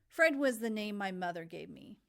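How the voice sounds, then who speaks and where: A man's voice: high-pitched, animated, moderate pace, vocal fry, bright, forceful tone, full character voice. A woman reading as Charon, a fretful ferryman of souls. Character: anxious, hospitable male ferryman of souls.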